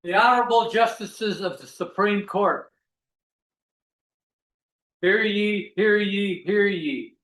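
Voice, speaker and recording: Woman doing town crier style court opening, slow drawn out calls, big echoey room. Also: medium pitch. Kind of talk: formal ceremonial proclamation.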